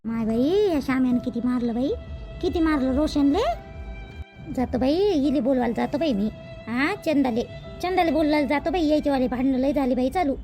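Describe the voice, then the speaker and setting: A middle-aged woman, gossiping and calling out loudly in a village comedy sketch. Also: high-pitched, expressive, brisk, soft background music. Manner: calls out loudly, chatty gossiping. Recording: faint background noise.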